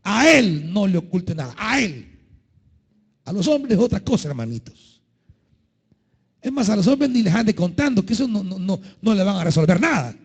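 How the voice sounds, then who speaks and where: A man preaching a sermon as pastor, impassioned, swinging between shouted pleas and low, quiet lines. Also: sing-song, moderate pace, long pauses, husky. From El Salvador.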